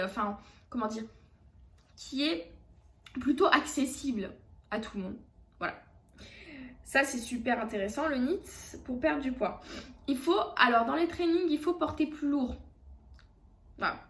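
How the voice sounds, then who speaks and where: Chatty French woman with a high voice. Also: echoey room. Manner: chatty, many fillers and restarts. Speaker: fitness coach. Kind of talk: casual vlog advice.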